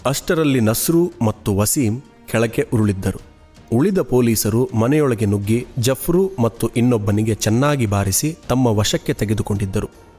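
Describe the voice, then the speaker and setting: A man narrating a true-crime podcast in a measured, steady storytelling voice. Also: mid-range voice, breathy edge, soft background music.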